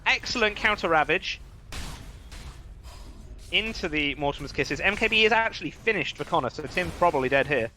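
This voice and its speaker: A man casting a live esports match, chatty and wry with quick reactions. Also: on the high side, lively intonation, bright, forceful tone, slight background noise. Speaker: esports caster. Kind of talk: live game commentary.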